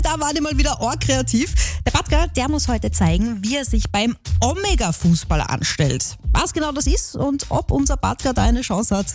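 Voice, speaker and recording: A woman with an Austrian accent presenting on the radio in a lively, chatty way. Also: fairly high pitch, no room sound. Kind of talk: upbeat radio moderation.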